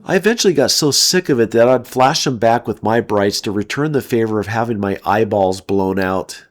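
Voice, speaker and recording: A man's voice: fairly low pitch, normal speed. A middle-aged American man giving a scripted, enthusiastic and opinionated narration as a car channel host. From United States.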